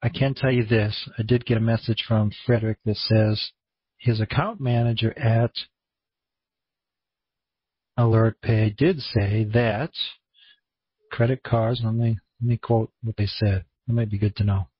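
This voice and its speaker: A man with a Maine accent and a husky voice, hosting an online conference call in a casual, rambling, laid-back way. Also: lowish voice, steady tone, measured pace, pauses often, no room sound. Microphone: online conference room call. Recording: dull, muffled lo-fi audio.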